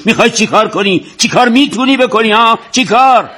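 A man's voice: very high-pitched, pushed and bright, heavily acted. Sarcastic stern old father. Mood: scolding. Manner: scolding, mocking. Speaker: family father. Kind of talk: TV drama acting.

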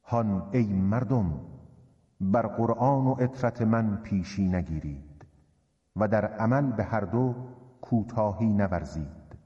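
A man voicing a solemn male prophet addressing a large gathering, speaking slowly and gravely, in a dull, reverberant recording. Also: on the low side, warm tone, lightly acted. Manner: slow, grave, measured oration.

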